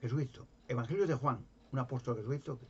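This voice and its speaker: A man's voice: mid-range voice, quick pace, husky, highs cut off. A man from Spain with a Spanish accent, preaching informally and retelling Bible stories, rambling with many restarts. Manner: rambling, many restarts, acts out quoted voices.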